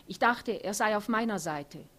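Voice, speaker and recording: A woman reading a novel aloud and voicing a young empress, upset and grieving, her lines a bit higher and louder than the narration. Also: normal speed, natural voice. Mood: irritated. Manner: agitated, defensive, later mournful.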